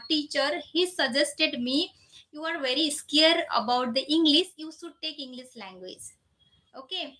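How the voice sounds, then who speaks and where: Answering viewers in a casual live chat, a native Nepali speaker in her thirties hosts in non-native English, her grammar loose and her speech full of fillers. She has a high voice, pushed and bright.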